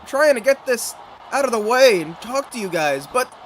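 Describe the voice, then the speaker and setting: A young American man with a very high, expressive voice chats casually and upbeat with his live-stream audience at a normal pace, greeting chat and calling plays in a football video game. He's a gaming streamer, and video game music plays behind him on poor audio with a little hiss or hum.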